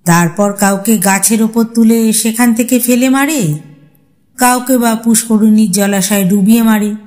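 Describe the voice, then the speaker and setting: A woman tells a horror story in a suspenseful, expressive dramatic reading. Her voice sits on the high side and moves a little slowly.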